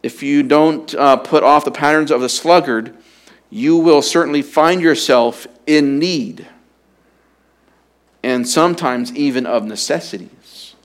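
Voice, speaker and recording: A man preaching a sermon to a men's group, earnest and exhorting, often repeating himself, closing in a slow prayer. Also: a little high. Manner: prays slowly and softly to close. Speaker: preacher at a men's Bible study.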